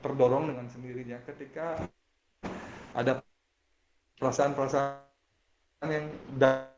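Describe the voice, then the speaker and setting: A man's voice: medium pitch, steady tone, a little slow. A man giving an online lecture to teachers over a video call whose audio keeps breaking up, talking hesitantly with many fillers and restarts. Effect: choppy video-call audio breaking up. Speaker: course instructor. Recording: muffled echoey online call, faint noise.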